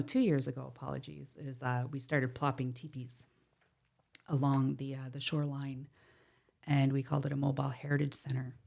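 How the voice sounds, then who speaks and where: Her voice is very deep, warm and creaky as she joins a podcast conversation, recorded on a podcast mic. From Ontario, Canada, she argues earnestly and passionately for protecting water, tossing in wry asides.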